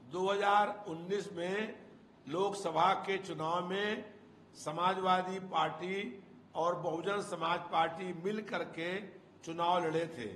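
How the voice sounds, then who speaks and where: An older man, a party spokesman, giving an emphatic, measured political statement into a handheld press mic indoors. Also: high voice, steady tone, fairly bright tone. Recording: echoey room with faint noise.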